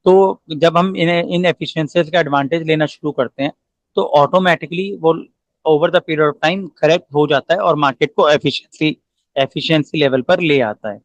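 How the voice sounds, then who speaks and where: A male commerce teacher with an Indian accent gives a recorded lecture, explaining in everyday speech, asking rhetorical questions and reading English definitions slowly. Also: on the high side, dry recording, rough recording.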